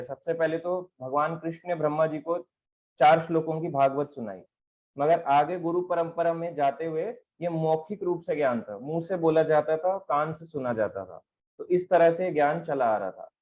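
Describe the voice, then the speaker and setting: Male spiritual teacher, slightly high voice, patient explanatory delivery that asks and answers itself, stand mic, dull recording. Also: normal speed, darkish tone. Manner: explanatory, asks and answers his own questions. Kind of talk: devotional talk on scripture.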